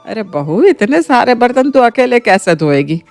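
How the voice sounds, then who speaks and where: A woman voicing a kind-hearted middle-aged mother-in-law in a cartoon story, gentle and affectionate as she scolds. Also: fairly high pitch, big pitch swings, normal speed, soft background music. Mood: coaxing. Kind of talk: cartoon voice acting.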